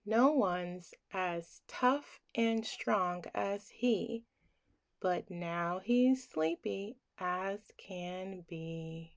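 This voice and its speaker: A woman reading a children's picture book aloud as a bedtime story, expressive and gentle, with deliberate phrasing. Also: medium pitch.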